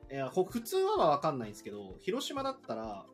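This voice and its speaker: A man from Hiroshima, co-hosting a relaxed group chat and laughing as he explains things. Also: on the high side, fast talker, faint music behind. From Hiroshima, Japan.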